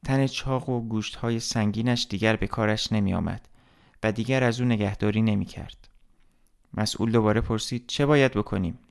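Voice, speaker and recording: A man narrating a literary story as an audiobook, reading in a steady, measured way. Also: fairly low pitch, creaky, clean tone.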